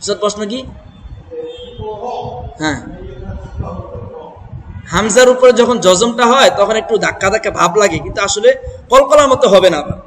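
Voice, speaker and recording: A man teaching Quran reading in a classroom, breaking words into syllables, quizzing his students and chanting verses slowly. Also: high-pitched, lively intonation, a bit bright, slight background noise. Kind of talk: classroom Quran recitation lesson. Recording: echoey hall with crowd.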